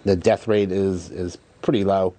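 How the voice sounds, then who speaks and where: A man being interviewed, speaking haltingly as he coughs and clears his throat. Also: low-pitched, fairly even intonation, dark tone. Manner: hesitant, halting. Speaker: interview guest. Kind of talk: casual live TV interview.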